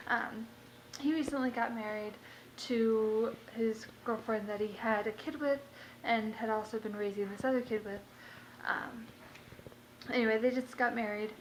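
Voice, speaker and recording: Chatty young woman rambling at home. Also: a little high. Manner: rambling, chatty, many fillers. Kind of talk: casual vlog monologue. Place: home kitchen. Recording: noisy home recording.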